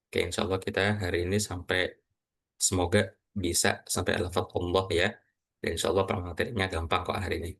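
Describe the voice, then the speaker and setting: Patient low-voiced Quran reading teacher. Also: male voice, little pitch movement, vocal fry, fairly bright tone. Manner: patient, asks students questions, models recitation slowly. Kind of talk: online class teaching.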